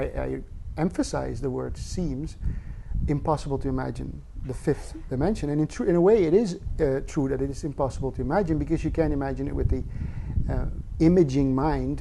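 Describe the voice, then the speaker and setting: A man's voice: a little high, dark tone, a little hiss or hum. A man, a spiritual teacher, giving an earnest, reflective satsang talk with casual asides and rhetorical questions.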